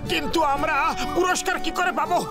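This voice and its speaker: An actor voicing an excitable, naive and eager do-gooder in a comedy cartoon dub, earnest and exclamatory. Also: very high voice, fast talker. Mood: dejected. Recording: loud music over the voice.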